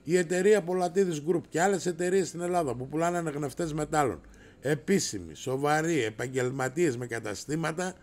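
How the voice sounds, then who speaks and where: A middle-aged man hosting a casual livestream, brash and rowdy, swearing and raising his voice as he answers viewers. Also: a little high. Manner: raises his voice to shout.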